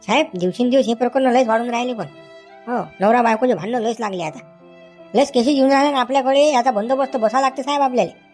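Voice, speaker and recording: A woman acting in a village comedy skit, questioning and calming in a chattering way. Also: fairly high pitch, quick pace, soft background music, close to an everyday voice. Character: village woman, then police constable.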